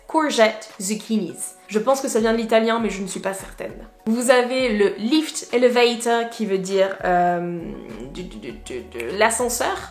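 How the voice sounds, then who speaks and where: A woman with a somewhat high voice teaches in an easy, conversational way, pausing on fillers as she explains. Her voice rings in an echoey room, with faint music underneath. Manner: relaxed, explanatory, many fillers. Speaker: English teacher. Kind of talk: casual teaching talk.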